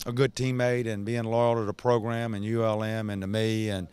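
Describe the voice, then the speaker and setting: A man in his sixties, a basketball head coach, giving a halting post-game interview full of restarts and fillers into a handheld mic in an empty indoor arena. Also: fairly low pitch, level tone, a little mellow, clean tone. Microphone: handheld reporter mic.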